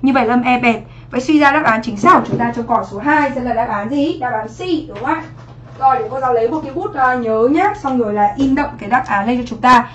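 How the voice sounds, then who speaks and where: A woman's voice: a little high, fast talker, highs cut off. A young woman teaching English on a livestream exam review, chatty and checking in with her students often.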